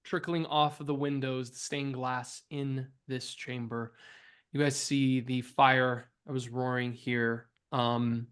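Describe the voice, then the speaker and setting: A man's voice: medium pitch, little pitch movement, slow, fairly bright tone, clear, resonant tone. A man narrating as game master for a tabletop game, hesitant and full of fillers. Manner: hesitant, many ums and uhs, laughs easily.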